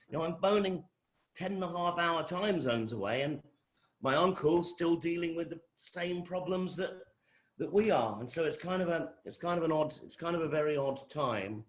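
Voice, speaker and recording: A middle-aged Englishman with a fairly high-pitched voice gives an informal welcome talk as a college lecturer. He often repeats phrases and restarts his sentences.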